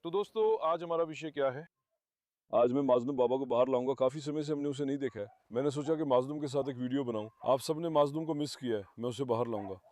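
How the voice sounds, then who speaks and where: A man's voice: mid-range voice, fast, darkish tone, no echo. A man talking casually on his farm vlog, affectionately calling out to his dogs as if they were his children. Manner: affectionate, coos at his dogs and calls them his lions. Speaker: farm pet vlogger. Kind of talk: casual vlog talk to camera. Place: outdoors on a farm.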